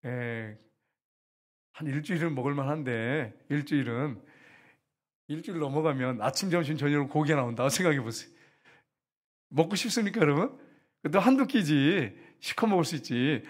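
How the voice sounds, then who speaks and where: Chatty Korean pastor preaching. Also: male voice, fairly high pitch, slightly rough. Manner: lively, chatty preaching with asides to the congregation. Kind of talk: sermon.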